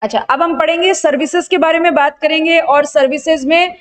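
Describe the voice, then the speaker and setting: A young Indian woman teaching an online tax revision class, asking her students quick questions and answering them herself, mixing Hindi with English terms. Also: high-pitched, steady tone. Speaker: GST exam tutor.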